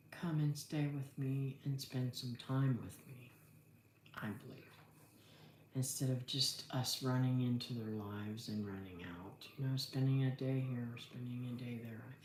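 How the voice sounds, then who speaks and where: On a livestream, a middle-aged homesteader from Florida, United States, reads out viewers' comments and answers them, musing aloud in a relaxed, folksy ramble. She has a bass voice that is steady, slow, and slightly mellow. There's a roomy echo and a bit of faint background noise.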